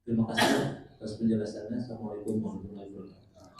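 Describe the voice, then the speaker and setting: A man's voice: lowish voice, steady tone, racing. A man in the congregation, polite and a bit hesitant, asking the preacher questions. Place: prayer room. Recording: distant, roomy, with background noise.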